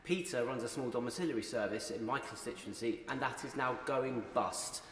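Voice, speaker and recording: A man's voice: mid-range voice, a little fast. A man, a member of parliament, making an insistent, critical intervention in a debate. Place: large parliamentary chamber. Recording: echoey noisy hall.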